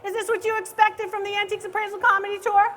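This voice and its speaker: A woman who appraises antiques and hosts a comedy show, teasing and ribbing her audience loudly and playfully on a live stage. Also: very high voice, little pitch movement, quick pace. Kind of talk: live stand-up style crowd banter.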